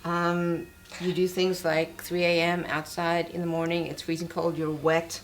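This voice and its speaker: A woman's voice: lowish voice, level tone, a little slow, a little hiss or hum. A woman being interviewed as an actress, telling anecdotes casually in an emphatic, playful, self-deprecating way. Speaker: interview guest, working actress.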